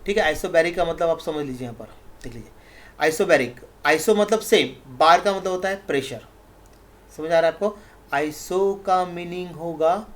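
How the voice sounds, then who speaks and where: A male chemistry teacher giving a recorded lecture who reads definitions out slowly, word by word, repeats each point and keeps checking whether his students follow, in a reassuring tone. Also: high voice. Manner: reassuring, encouraging tone. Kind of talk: recorded exam-prep lecture.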